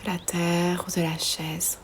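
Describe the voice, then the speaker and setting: A woman leads a yoga nidra meditation in a soft, breathy, half-whispered voice, soothing and gentle, leaving long pauses between phrases. Her pitch is fairly low and monotone, with slight background noise.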